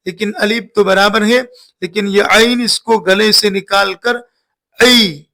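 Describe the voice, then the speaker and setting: A man with a high, bright voice gives a recitation lesson, stretching out each letter sound so learners can copy him. He speaks at an unhurried pace with a gravelly edge and repeats every sound more than once. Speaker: Quran reading teacher.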